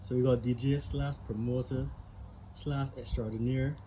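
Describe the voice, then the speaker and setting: A man's voice: mid-range voice, fairly even intonation, moderate pace. A man hosting a casual interview, chiming in with upbeat, hyped remarks. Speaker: show host. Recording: noticeable background noise.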